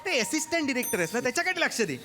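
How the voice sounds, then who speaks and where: Bossy, exasperated director type, high animated voice, stage sketch with music. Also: male voice, racing. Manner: bossy, barks orders and shushes. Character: bossy, exasperated male film director on set. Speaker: film director in a comedy sketch. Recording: stage show with music behind.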